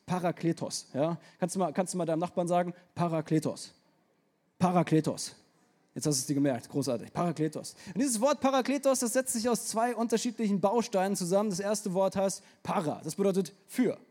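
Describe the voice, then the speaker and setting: High-voiced man preaching with youthful energy. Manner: casual youthful slang, energetic, addresses the audience directly. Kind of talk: lively sermon.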